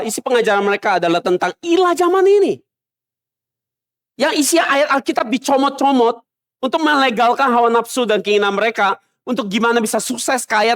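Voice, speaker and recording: A man preaching a sermon as pastor, emphatic and swinging between loud stresses and low murmurs. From Indonesia. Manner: mocks other preachers in a soft mimicking voice. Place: church.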